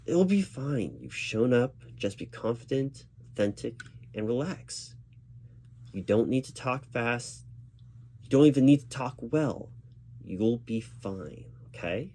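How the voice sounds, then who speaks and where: Slow, mellow, and animated, a man's mid-range voice comes with a little hiss or hum. He acts out a one-sided spoken ASMR roleplay as a reassuring, patient recruiting manager who uses formal corporate language.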